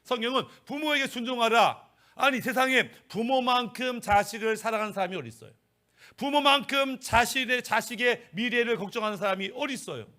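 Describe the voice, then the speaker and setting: A man's voice: very high voice, a little fast, bright, forceful tone. A middle-aged male pastor preaching a sermon, emphatic and full of rhetorical questions.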